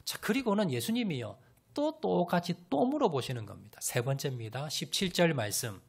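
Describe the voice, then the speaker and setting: A man preaching a sermon as a pastor, telling a Bible story with animated storytelling and questions to the congregation. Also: fairly high pitch, a little fast, vocal fry, slightly rough.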